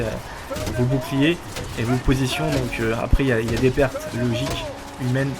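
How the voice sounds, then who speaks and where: A man giving casual, explanatory video game commentary, often asking questions and answering them himself. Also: mid-range voice. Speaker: let's player. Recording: loud game music behind.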